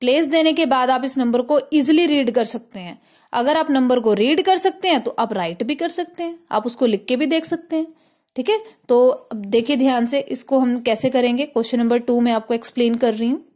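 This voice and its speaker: A woman with an Indian accent teaching a math lesson step by step, mixing English words in and often checking "clear?". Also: high-pitched, a little fast, darkish tone. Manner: mixes English terms into Hindi.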